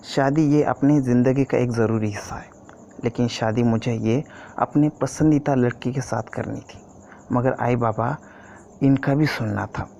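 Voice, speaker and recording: A man narrating a first-person story in a steady, earnest scripted reading. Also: medium pitch, gravelly. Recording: dull lo-fi recording, faint hiss.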